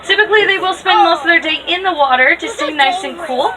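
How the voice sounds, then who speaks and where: A woman's voice: very high-pitched, expressive, a little fast, a crowd in the background. A woman giving live, upbeat tour commentary as a safari guide. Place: outdoors on a moving safari ride vehicle. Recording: distant mic, noisy open vehicle with passengers.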